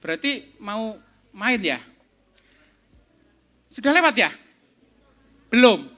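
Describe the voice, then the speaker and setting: A man's voice: sits high, very animated, takes it slowly, bright, forceful tone. A middle-aged man giving a seminar talk, quizzing the audience as he goes. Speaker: speaker at an entrepreneurship seminar. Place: event hall.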